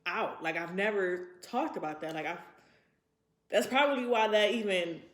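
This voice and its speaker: Speaking to her vlog audience in a casual, wandering, thoughtful way, a young woman in her 20s uses a medium-pitched voice with lively intonation at a normal speed. The sound is roomy and echoey.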